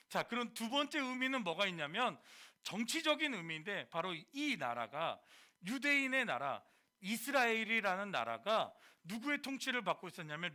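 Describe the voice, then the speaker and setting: A man preaching to a high school youth group, animated, quizzing the listeners and slipping into casual speech.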